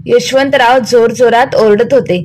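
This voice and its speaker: A woman's voice: fairly high pitch, steady tone, measured pace. A woman narrating an emotional family story as a storyteller. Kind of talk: scripted narration.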